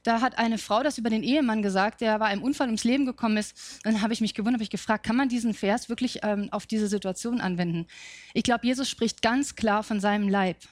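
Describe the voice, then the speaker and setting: A woman's voice: a little high, fast talker, no room sound. Woman preaching a reflective sermon. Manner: reflective, asks questions and answers them.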